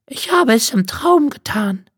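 A man reading a storybook, voicing a crafty but kindly old grandmother in a creaky falsetto with a fussing, sing-song manner. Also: big pitch swings, a little slow, fairly bright tone, no room sound, studio quality, heavily acted. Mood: coaxing.

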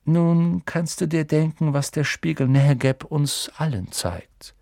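Dumbledore, a man voicing a soft-spoken old wizard. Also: on the high side, vocal fry, no echo, clean studio sound, pitched above the performer's own voice. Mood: gentle. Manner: soft, unhurried, often near a whisper. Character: kindly old male wizard headmaster, gentle and wise.

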